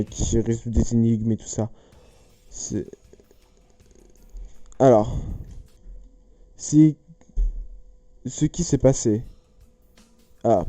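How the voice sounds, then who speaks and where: A man's voice: medium pitch, dark tone, no echo. A man chatting casually as he solves riddles aloud, rambling, joking and correcting himself mid-sentence. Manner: rambling, jokey, self-correcting. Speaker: youtuber. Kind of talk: casual chat solving riddles on camera.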